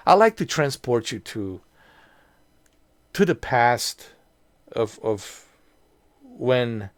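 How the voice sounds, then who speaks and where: A man in his mid-forties, a video creator, speaks at a medium pitch with no room sound. His monologue is a relaxed, nostalgic vlog in which he rambles, begins again repeatedly, and fills gaps with filler words.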